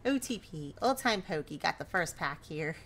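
A woman's voice: low-pitched, animated, normal speed, a bit bright, a little hiss or hum. A woman hosting a live stream in a chatty, teasing way, laughing often as she talks to her viewers. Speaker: live-stream host running a card pack battle. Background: faint background music.

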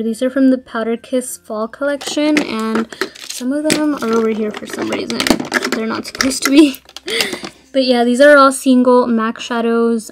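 A young woman with a fairly high voice chats her way through a makeup tour, full of fillers and friendly asides to her viewers. The home video has clear background noise under her voice. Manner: chatty, frequent "like" and "you guys". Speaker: beauty vlogger. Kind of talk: casual vanity tour vlog.

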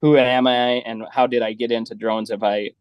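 A man's voice: mid-range voice, little pitch movement, moderate pace, a little mellow, dry recording. A man in his early thirties, a guest joining by video call, answering in a plain, modest, hesitant way. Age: 30s. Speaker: podcast guest. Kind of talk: casual interview answers. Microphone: remote video call.

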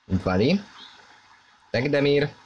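Man's excited football commentary, noisy background. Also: medium pitch, highs cut off. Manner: excited sports commentary, mostly terse player names, rising on chances. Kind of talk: play-by-play football commentary over a video game match. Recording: clearly noisy, game stadium ambience behind. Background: video game stadium ambience.

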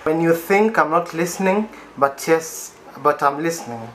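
A man's voice: a little high, normal speed, fairly bright tone, a little hiss or hum, poor audio. Laid-back joking man. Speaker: vlog co-host. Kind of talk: casual chat.

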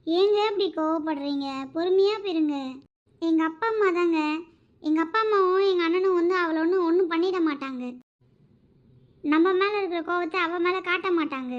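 A woman plays a worried cartoon mother who pleads and soothes, anxious for her daughter. Her voice is very high-pitched. The recording sounds muffled and lo-fi. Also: brisk. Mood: pleading.

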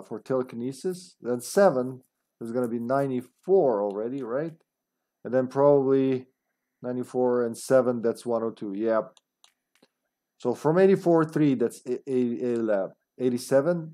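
A man's voice: mid-range voice, warm tone. A man in his thirties giving casual, rambling, joking and sweary commentary as he plays a video game. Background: faint game music.

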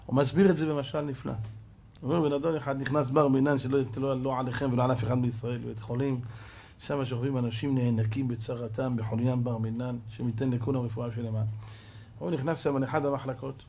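A man giving a rabbi's sermon, telling stories dramatically and swinging between loud emphasis and hushed tones, with repeated rhetorical questions. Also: medium pitch, fairly even intonation, creaky, slight background noise. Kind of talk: Torah sermon with storytelling.

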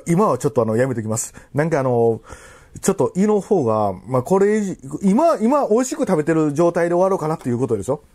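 A man in his thirties with a Kansai accent, chatting casually while eating, in a halting, rambling way with repeated phrases, labored from spicy food. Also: fairly high pitch, mellow. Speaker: food vlogger. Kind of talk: casual chat while eating and drinking to camera. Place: living room at home.

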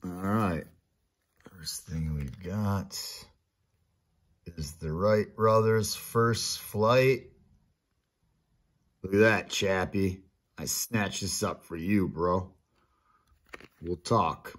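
A man's voice: deep voice, very slow, pauses often. A man hosting a casual unboxing chat, talking to viewers like friends in a laid-back, slangy way at his desk. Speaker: channel host opening mail. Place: indoors at a desk with a coin display.

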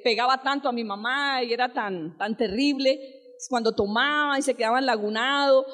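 A woman pastor preaching a sermon, telling stories and asking the congregation questions, rising to fervent exclamations. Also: sits high. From Colombia. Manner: asks the congregation direct questions.

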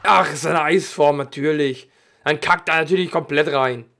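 Slightly hoarse man, gravelly gaming chatter. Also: fairly high pitch, normal speed, pushed and bright. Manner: casual, slangy, chatty while playing. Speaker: gaming channel host. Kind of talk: let's play commentary.

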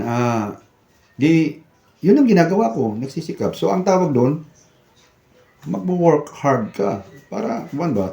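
A man's voice: a little high, warm tone. Echoey older man, missing front teeth. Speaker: vlogger, retired security guard. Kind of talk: casual vlog chat. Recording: echoey room sound.

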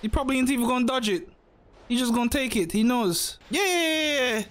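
Young man, high voice, slangy and profane, casual reaction chat. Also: animated, a little fast, a bit bright, a little hiss or hum. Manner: slangy, profane, repeats himself often. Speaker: anime reaction host.

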